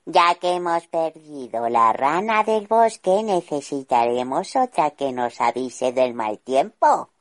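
A woman's voice: low voice, lively intonation, slow, no echo, clean studio sound. A woman voicing a tiny, sly male gnome in a storybook. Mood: scheming. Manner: sly, scheming.

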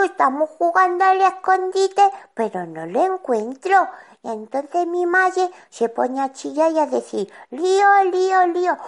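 A woman voicing a chatty, stubborn little boy who tells a children's-show story and acts out every voice in it. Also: sits high. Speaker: child character.

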